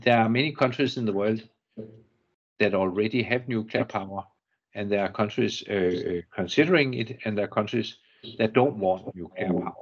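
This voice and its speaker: An older man from Denmark with a Danish accent, giving a technical lecture in a measured, halting way, often restarting and repeating words. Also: fairly low pitch, breathy edge, lo-fi sound. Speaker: guest lecturer. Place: university lecture room.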